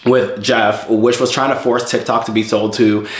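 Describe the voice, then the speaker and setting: Chatty young man, low voice. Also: flat delivery, moderate pace, roomy sound. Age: 20s. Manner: chatty, many fillers and repeated words. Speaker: history channel host. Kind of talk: casual commentary.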